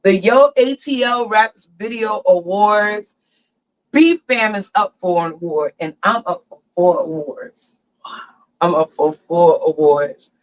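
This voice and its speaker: A woman's voice: medium pitch, slow pace. A woman hosting a casual podcast, talking into her phone, chatty and hyped. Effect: talking into a phone, heard through its mic. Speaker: podcast host. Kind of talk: casual chat. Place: barber chair. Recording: lo-fi phone-mic sound.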